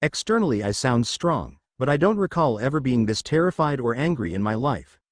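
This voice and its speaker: A man's voice: medium pitch, big pitch swings, a little fast, no echo, clean studio sound. Man narrating a dramatic story. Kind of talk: first-person story narration.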